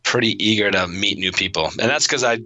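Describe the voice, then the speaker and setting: A man's voice: fairly low pitch, fairly quick, bright, forceful tone, no room sound. A man in his thirties talking casually as an interview guest, rambling with lots of restarts and fillers. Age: 30s. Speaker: podcast guest.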